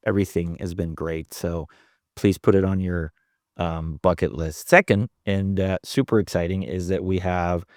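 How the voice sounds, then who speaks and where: A man's voice: deep voice, a little mellow, no room sound, studio quality. Blunt, joking male podcast co-host. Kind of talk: casual podcast chat. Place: house in Texas Hill Country.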